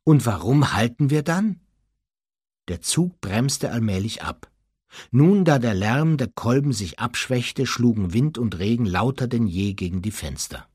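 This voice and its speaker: A man reads a novel aloud in a low, very husky voice. His storytelling is expressive, and his pitch rises and falls in a lively way. The recording is dry and close, with no room echo. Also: measured pace. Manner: expressive storytelling, voicing the characters. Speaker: narrator. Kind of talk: audiobook reading.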